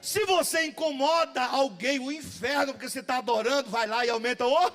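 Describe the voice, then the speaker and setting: Fervent high-voiced Brazilian preacher. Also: male voice, a little fast. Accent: Brazilian Portuguese. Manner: fervent, often shouting and chanting phrases. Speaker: pastor. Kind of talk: pentecostal sermon. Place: church service.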